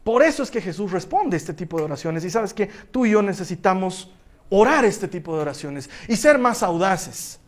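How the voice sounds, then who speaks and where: Man, pastor, preaching through a story, voice on the high side, goes from quiet to loud and laughs often. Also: normal speed. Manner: animated storyteller who swings from hushed to loud. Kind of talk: storytelling sermon.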